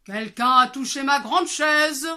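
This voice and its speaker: A woman voicing a big papa bear in a storybook reading, booming and scolding. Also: unhurried, sharp tone, heavily acted. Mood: gruff indignant.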